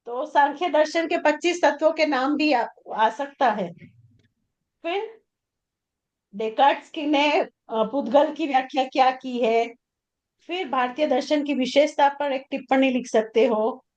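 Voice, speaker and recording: A woman's voice: high voice, unhurried, darkish tone, dull audio. A woman teacher explaining exam questions over a video call, her audio distorted and breaking up. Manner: explains by listing exam topics. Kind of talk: online class discussion.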